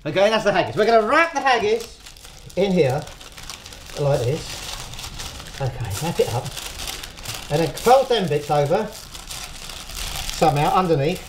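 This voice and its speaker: A man hosting a casual cooking demonstration, chatty and rambling and laughing often as he tells jokes. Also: sits high. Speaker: cooking show host. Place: outdoors, windy. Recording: echoey with faint ambient noise.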